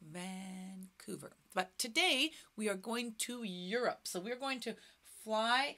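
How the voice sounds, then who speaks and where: A woman in her thirties leads a children's music class, her voice fairly high, a touch slow, bright and forceful. She plays things up for the little ones, exaggerating and often slipping into stage whispers.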